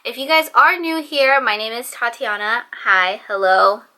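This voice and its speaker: A woman's voice: a little high, expressive, unhurried, pushed and bright. A woman in her twenties from the San Francisco Bay Area, chatting casually to camera as a vlogger, rambling with lots of fillers. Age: 20s.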